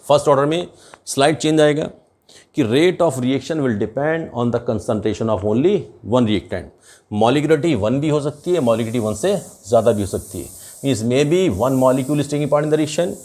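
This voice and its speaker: A man's voice: medium pitch, darkish tone. An older man with an Indian accent, teaching a chemistry lesson at a board and switching between Hindi and English. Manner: slow, deliberate, mixes Hindi and English. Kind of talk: explaining at a board.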